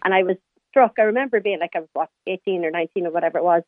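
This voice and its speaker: A woman's voice: fairly low pitch, very fast, dry recording. A woman in her late thirties with a Donegal Irish accent, chatting informally and reminiscing as a caller to a radio show. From County Donegal, Ireland. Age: late 30s. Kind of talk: personal reminiscence in casual conversation. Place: phone call to a radio show. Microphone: telephone. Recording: tinny phone line.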